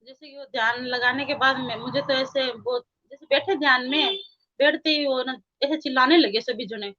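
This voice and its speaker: A woman's voice: high-pitched, normal speed, bright, forceful tone. Earnest woman over a dull lo-fi line. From India. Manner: earnest, repetitive, quotes her own prayers. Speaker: guest devotee. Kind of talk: spiritual testimony, casual.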